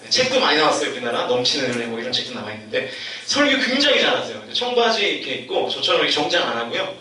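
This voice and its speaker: A man's voice: a little high, very animated, racing, sharp tone. A male youth pastor preaching to young adults in a church, telling a story in a chatty way and acting out the voices he quotes. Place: church hall. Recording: echoey church hall, distant mic, faint noise.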